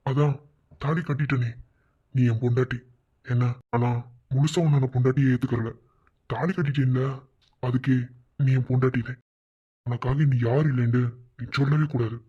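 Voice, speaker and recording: A man's voice: medium pitch, mellow, breathy edge, natural voice. A man voicing a young village husband in a cartoon, firm and pleading, with a Madurai Tamil accent. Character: young village husband, gruff but caring. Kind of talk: cartoon voice acting. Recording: dull lo-fi sound.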